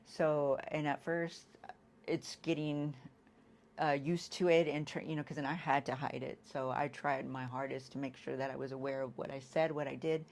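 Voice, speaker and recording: A woman giving a candid personal recovery testimony. She talks in a halting way, restarts often and leans on "you know". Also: a bass voice, flat delivery. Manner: acts out quoted lines with sudden loud bursts. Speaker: guest sharing an addiction recovery story.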